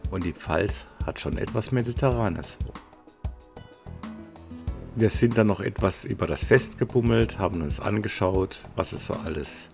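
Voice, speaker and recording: This fiftysomething travel vlogger has a low, gravelly voice as he chats casually and narrates voice-over from inside his camper van. He comes across relaxed and chatty, agreeing often.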